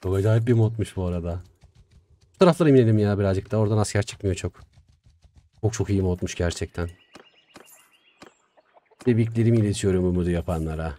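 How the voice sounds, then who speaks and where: A young man giving casual, chatty commentary while playing a strategy game, talking to himself with excitable swings. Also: sits low, fairly quick, pauses often. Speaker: gaming YouTuber. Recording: faint music behind.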